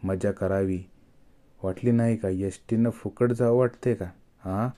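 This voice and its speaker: Guy doing a mean cop boss, gruff, barking orders, dark low voice. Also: fairly even intonation, unhurried, close to an everyday voice. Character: harsh bullying male police officer.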